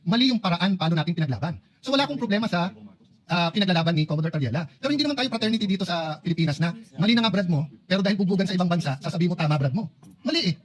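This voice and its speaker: A man's voice: high-pitched, lively intonation, racing. A man speaking in a senate debate, argumentative and insistent.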